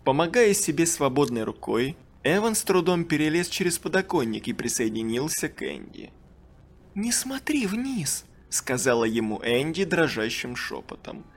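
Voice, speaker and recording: An audiobook narrator reading a children's horror story and acting out the characters' lines in a raised, excited voice. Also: medium pitch, normal speed, few pauses.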